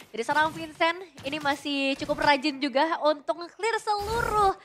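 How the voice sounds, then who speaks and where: High-voiced Indonesian woman esports caster. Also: moderate pace, noisy background. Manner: esports caster delivery, conversational. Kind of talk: esports commentary. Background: music.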